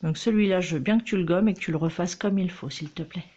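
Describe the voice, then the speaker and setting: At home, a homeschooling mother teaches her child to read, patient and coaxing, in a fairly low, dark-toned voice and a fast pace. The recording comes from a dull, lo-fi mic.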